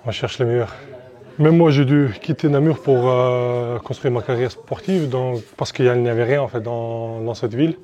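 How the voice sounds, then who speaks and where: A man's voice: mid-range voice, fairly even intonation, moderate pace, warm tone, muffled recording. A man, a strict combat sports coach, speaks bluntly and firmly about his work. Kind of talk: casual interview answers.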